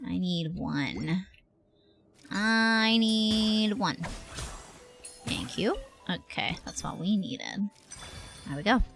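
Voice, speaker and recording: Game music plays as a young woman streamer chats loosely and slangily with her audience while gaming. She speaks slowly and very animatedly, in a low-leaning, gravelly voice.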